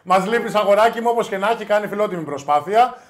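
A man co-hosting a sports podcast, loud, teasing and full of jokes. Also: sits high, expressive. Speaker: podcast co-host. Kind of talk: casual sports podcast banter.

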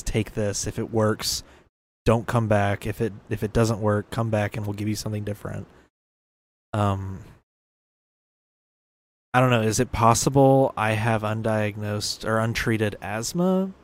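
A man's voice: lowish voice, fairly even intonation, measured pace. A young man in his early twenties hosting a casual solo podcast, rambling and correcting himself, laughing at his own remarks. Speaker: podcast host.

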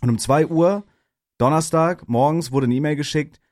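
A man's voice: fairly high pitch, normal speed, a little mellow, dry recording, clean studio sound. A young man, co-hosting a casual podcast, full of slangy reactions. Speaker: podcast co-host. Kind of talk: casual chat.

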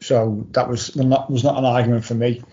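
A male panellist talks football casually, stressing points by repeating them. His pitch is average and moves very little, and the recording is somewhat dull and lo-fi. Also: level tone, moderate pace, dark tone. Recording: dull lo-fi audio.

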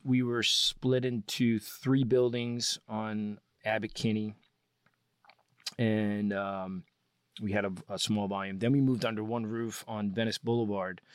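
A man's voice: on the low side, clear, resonant tone, dry recording, studio quality. A man, a guest on an interview show, telling long enthusiastic stories about his work with lots of restarts. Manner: enthusiastic, rambling explanations with frequent restarts. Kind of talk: casual interview storytelling.

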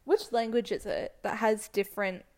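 A woman's voice: medium pitch, steady tone, normal speed, a little mellow. A young woman co-hosting a podcast in casual chat, reflective and asking probing questions. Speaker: podcast co-host.

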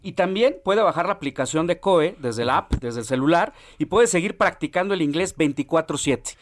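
Salesy man, slightly high voice. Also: lively intonation, moderate pace. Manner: salesy, repeating selling points. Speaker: language school director. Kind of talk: promotional radio interview.

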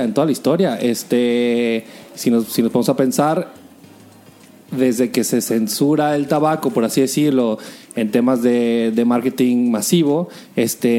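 A digital marketing professional with a Mexican accent appears as a podcast guest, talking casually from indoors in a home and often searching for the right phrasing. He has a warm, medium-pitched voice.

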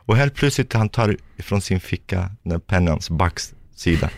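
Deep-voiced man telling an intense story. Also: expressive, vocal fry, no room sound, clean studio sound. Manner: vivid, intense retelling, acts out dialogue. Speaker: physiotherapist recounting war experience. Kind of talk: personal storytelling in a podcast.

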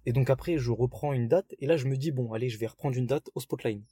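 A man with a Picard accent, a stand-up comedian telling a story in a casual podcast chat, halting with many fillers and restarts. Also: mid-range voice, mellow, breathy edge, no room sound, clean studio sound. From northern France.

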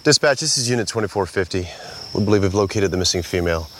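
A man plays a police officer who keys his radio and reports to dispatch in brisk, clipped phrases. His voice sits on the low side and comes through as a police radio call. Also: expressive, fairly bright tone, a little hiss or hum. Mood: urgent. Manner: clipped, procedural radio talk. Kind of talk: reenactment acting.

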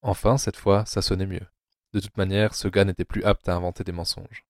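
A man reads a dark audio novel adaptation in a very low voice. His delivery is measured and grim, and the recording is dry and close with no room sound. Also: flat delivery, dry recording. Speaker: narrator. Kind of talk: scripted audiobook narration.

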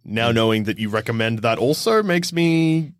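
Animated man joking as a tabletop player. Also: mid-range voice, moderate pace, no room sound, studio quality. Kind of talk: casual chat, joking.

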